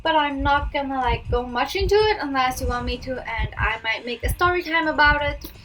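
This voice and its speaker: Speaking briskly in a high pitch, a young Cantonese-accented woman narrates casual stories over her gameplay, full of fillers and restarts. She's a gaming vlogger recording a voice-over against loud game music, and the poor-quality audio carries a little hiss or hum.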